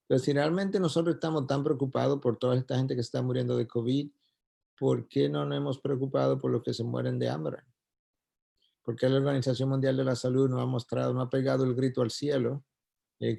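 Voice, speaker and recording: At a church event, a Puerto Rican Spanish-accented man preaches emphatically to an audience of doctors, building each point by repeating it. His mid-range voice is gravelly and warm.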